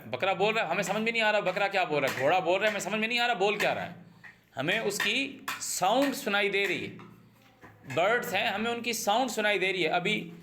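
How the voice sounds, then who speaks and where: A man's voice: sits high, sharp tone. A man teaching the Quran, reciting each Arabic verse and then explaining it, often repeating his phrases and speeding up as he gives examples. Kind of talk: verse-by-verse Quran translation and commentary.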